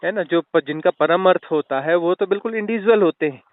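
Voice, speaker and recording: Male spiritual guest, high smooth voice, slow explaining, phone-line sound. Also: no room sound. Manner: slow, explanatory, with restarts and fillers. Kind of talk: spiritual talk with storytelling.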